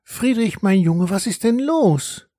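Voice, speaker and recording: A man voicing a gentle, worried middle-aged mother in a children's story, speaking softly and soothingly. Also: high-pitched, animated, slow, dry recording, clean studio sound, voice pushed up, exaggerated voice.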